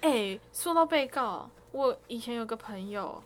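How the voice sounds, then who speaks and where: A woman's voice: a little high, lively intonation, unhurried, slight background noise. A woman co-host, chatting on a podcast and asking curious follow-up questions. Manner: curious interviewer, reacts with laughs. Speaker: podcast co-host, music graduate. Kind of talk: casual podcast chat.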